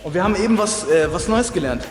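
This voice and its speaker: A man's voice: high voice, lively intonation, fast talker. A man hosting a martial arts video in a dojo, chatting jokingly to the camera with boisterous mock instruction. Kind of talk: joking tutorial chat to camera. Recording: very echoey hall, music behind.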